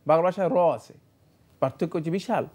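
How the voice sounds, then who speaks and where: Male religious scholar, mid pitch, mellow voice, patient and explanatory. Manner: measured, explanatory, many fillers. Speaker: Islamic scholar answering questions. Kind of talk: studio Q&A explanation.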